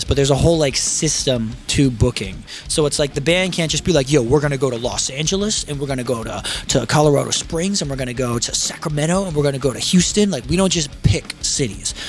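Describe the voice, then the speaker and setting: A young man, a band singer and vocal teacher, rambling casually on a livestream, swearing freely and acting out quotes in animated voices. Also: a little high, fast talker. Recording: faint background music.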